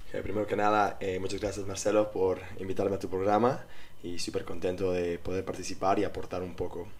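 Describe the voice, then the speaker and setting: A man with a Mexican accent, a strength coach from Mexico City, telling his career story calmly with many fillers, recorded in a hotel room. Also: deep voice, brisk. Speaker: guest, strength and conditioning coach. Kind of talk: casual podcast interview. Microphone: portable recording kit.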